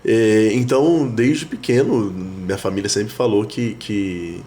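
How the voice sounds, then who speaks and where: Low-voiced priest in his thirties. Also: a little slow, mellow, a little hiss or hum. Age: 30s. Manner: reflective, many fillers and restarts. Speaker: priest, guest. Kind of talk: casual conversation.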